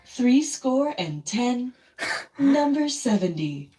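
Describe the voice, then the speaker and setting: A woman's voice: fairly high pitch, big pitch swings, slow, a little mellow, rough recording. A woman calling bingo numbers with their traditional rhymes in a sing-song way. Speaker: bingo caller. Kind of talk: recorded bingo calls. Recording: clear backing music.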